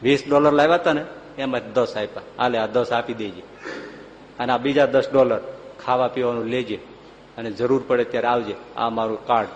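A man voicing a calm, kindly lawyer who gently reassures a poor man. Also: medium pitch, a little fast, lo-fi sound, voice pushed down, close to an everyday voice. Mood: gentle. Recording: long hall reverb, faint background noise.

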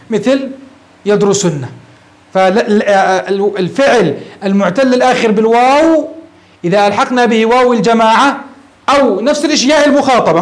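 In a roughly recorded classroom lecture at a whiteboard, a man with an extremely high-pitched voice, a sheikh, teaches grammar, working through it step by step and quizzing his students.

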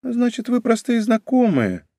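A man voicing a shy, gentle young court lady in an audiobook, speaking softly with sighs. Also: very high-pitched, huge pitch swings, unhurried, no echo, voice pushed up, full character voice. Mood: wistful.

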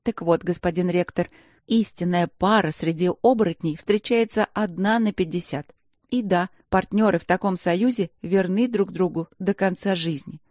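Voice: medium pitch, normal speed, a little mellow, no room sound, studio quality, close to an everyday voice. A narrator voicing a young, proud female werepanther student in a fantasy audiobook, sassy and indignant. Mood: earnest. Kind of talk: audiobook character voice.

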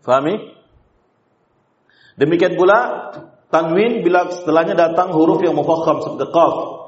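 Man teaching Quran recitation, echoey lo-fi. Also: a little high. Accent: Indonesian. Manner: explains then chants examples slowly, asks the class questions. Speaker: tajwid teacher. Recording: roomy, dull lo-fi lecture recording.

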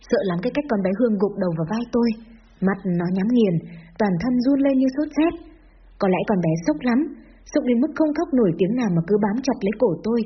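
A woman narrates a scripted first-person story at a brisk clip. Her reading stays steady, and she gives the quoted lines only a light touch of voice. The recording is a little muffled, with faint background hiss. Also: on the high side. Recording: slightly dull lo-fi audio with faint noise.

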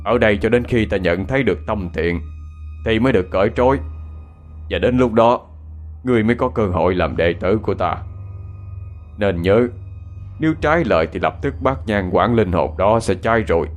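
A man's voice: fairly low pitch, lively intonation, moderate pace, pauses often, faint music behind, natural voice. A man voicing a stern old male Buddhist monk who gives commands during an exorcism.

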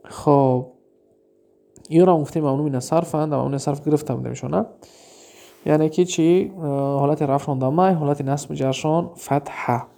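A man with a Tajik accent teaching Arabic grammar, reading example sentences slowly and then quizzing his listeners with questions he answers himself. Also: a little high, fairly even intonation, vocal fry, dark tone. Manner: asks rhetorical questions and answers them himself. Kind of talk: classroom lesson.

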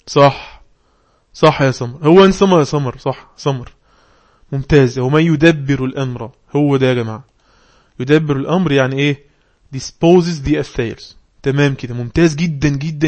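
A man with an Egyptian Arabic accent, teaching a class. He reads English lines slowly and deliberately, then explains them in quick Arabic and quizzes his students. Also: medium pitch, a little mellow. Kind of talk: online English lesson on religious text.

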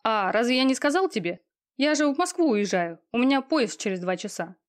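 A woman's voice: fairly high pitch, very animated, a little fast, clear, resonant tone. A woman voicing a smug, cold, lazy young man in an audiobook, talking in an offhand, sneering way with coarse slang. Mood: irritated. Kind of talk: audiobook reading.

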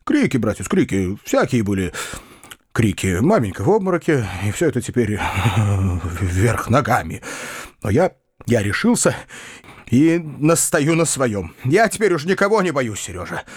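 A soft-hearted, excitable former cavalry officer, now a country uncle, who declaims his resolve and flies into shouting fits, as a male audiobook reader puts him on. His voice leaps about with lively swings of pitch. The sound is close and dry. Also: moderate pace, slightly rough, dry recording. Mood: agitated. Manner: agitated, declamatory, rising to shouts. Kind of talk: audiobook character reading.

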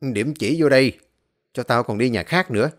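A man's voice: medium pitch, moderate pace, a little hiss or hum, natural voice. A man voicing a cold-blooded male henchman who gives curt, contemptuous orders.

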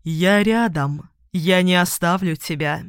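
A mysterious male demon speaking slowly and softly, calm and unhurried. An audiobook narrator acts him out. The sound is close and dry. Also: mid-range voice, clean tone, dry recording. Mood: soothing.

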